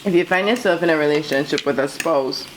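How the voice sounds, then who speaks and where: A woman with a notably low voice chats casually as co-host of a cooking vlog. She is opinionated and conversational. Food fries and sizzles audibly behind her. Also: fast talker, noisy background. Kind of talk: casual relationship chat while cooking. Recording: loud sizzling food close by. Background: frying and sizzling on a grill.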